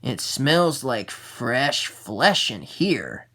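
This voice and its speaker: Storyteller doing a slow booming giant. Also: big pitch swings, sharp tone, heavily acted. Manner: slow, heavy, booming chant. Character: huge man-eating giant, brutish and hungry.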